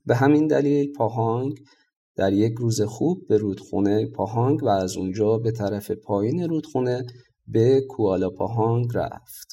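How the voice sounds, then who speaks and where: Male narrator for a folk tale audiobook, calm and measured, warm low-key tone. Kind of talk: storybook narration.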